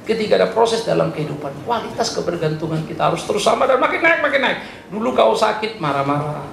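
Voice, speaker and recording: A male pastor preaches a lively sermon, his pitch leaping from murmured asides to loud bursts. His voice has a gravelly edge. It rings in a roomy church hall with faint background noise. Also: fast. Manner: animated, swinging from soft asides to loud high exclamations; chatty, joking, mixes in English words.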